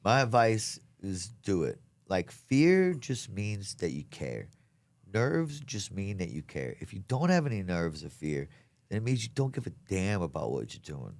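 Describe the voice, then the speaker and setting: A comedian from south Louisiana, United States, chats casually as an interview guest, earnest and emphatic and full of slang. His voice sits low and a little mellow, with big swings in pitch, and he speaks somewhat slowly.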